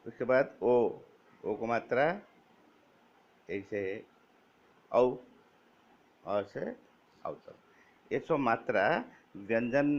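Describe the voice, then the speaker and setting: Very slow-speaking man teaching a lesson. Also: medium pitch. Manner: slow, deliberate, spells out each vowel sign; reads word lists aloud one word at a time. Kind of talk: Hindi grammar lesson for children. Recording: dull lo-fi recording.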